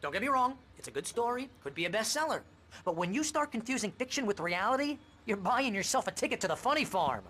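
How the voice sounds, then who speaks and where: An actor playing an anxious, talkative, loyal best friend in a video game, nagging in wordy, sarcastic exasperation. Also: male voice, high voice, big pitch swings, quick pace, pushed and bright, slight background noise, exaggerated voice. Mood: worried, exasperated.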